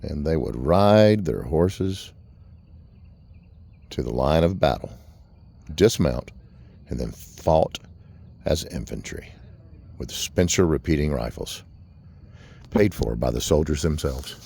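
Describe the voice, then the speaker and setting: A man's voice: extremely low pitch, expressive, slow, vocal fry, pauses often, warm tone. A middle-aged man hosting an adventure vlog, giving chatty, upbeat narration while climbing a stone tower. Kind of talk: casual narrated walkthrough. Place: inside a stone tower stairwell.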